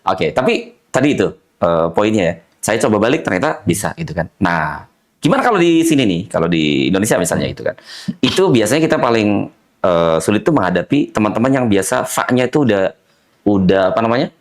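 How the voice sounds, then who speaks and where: A man's voice: fairly low pitch, brisk. A man, a Quran recitation teacher, telling teaching stories in a casual conversation and imitating his students' mispronunciations. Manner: animated, mimics students' mispronunciations, laughs often.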